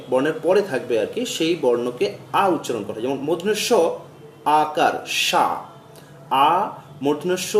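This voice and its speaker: A man's voice: on the high side, roomy sound, far from the mic, a little hiss or hum. Patient man chanting spelling for children. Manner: gentle, patient, spells words out slowly in a sing-song chant. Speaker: primary school teacher. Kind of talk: children's Bengali lesson.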